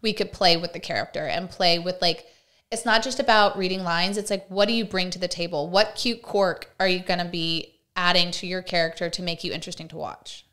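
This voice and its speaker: Young woman, actress guest, casual podcast chat, animated, lots of "like". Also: on the low side, a little fast. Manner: chatty, animated, heavy use of "like".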